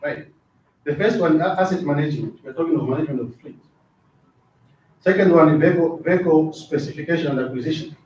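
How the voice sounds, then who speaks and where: A Zambian man lectures a class in a training classroom, talking fast in a fairly high, darkish voice. He asks the class questions, repeats words, and often drops in "right?" The mic is far off in a room with big echo, giving a dull sound with a little hiss or hum.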